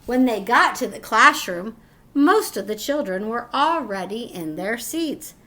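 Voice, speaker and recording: Expressive, high-voiced woman teacher reading aloud. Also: measured pace. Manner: expressive, instructive, addressing young children. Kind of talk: picture-book read-aloud with questions to children.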